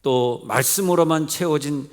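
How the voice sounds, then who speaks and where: A man's voice: on the high side, normal speed. Man preaching, questioning and joking. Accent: Seoul Korean. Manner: conversational preaching, asks the congregation questions; mixes polite and plain speech, jokes lightly. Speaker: pastor. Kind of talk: sermon at a midweek service. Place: church sanctuary.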